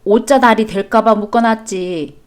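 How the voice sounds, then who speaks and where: A woman's voice: a little high, moderate pace, natural voice. A woman voicing a stubborn grandfather in a storybook chat drama, speaking in an offhand, dismissive way. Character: meddling grandfather, careless and stubborn.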